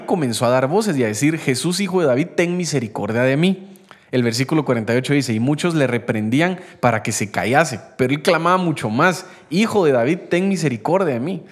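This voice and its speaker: Young man, lively faith-based podcast talk. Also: mid-range voice. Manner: animated, acts out quoted voices.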